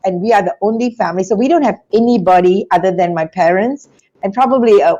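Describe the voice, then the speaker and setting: A woman from Singapore, a guest in an interview, telling her story in an animated, chatty way with frequent restarts. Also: medium pitch, quick pace, dull audio. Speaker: interview guest, business school founder.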